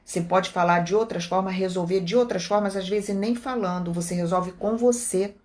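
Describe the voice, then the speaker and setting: A woman with a Brazilian Portuguese accent, a meditation teacher calmly explaining her guided meditation cues in a live talk, slowing down when she quotes them. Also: mid-range voice. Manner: calm, explanatory, speaks slowly when quoting meditation cues.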